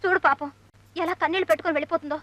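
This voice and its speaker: An actress playing a cheeky young woman who teases and flatters her lawyer companion in a film comedy. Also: very high voice, very fast, dry recording, rough recording. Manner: teasing and flattering, chatters.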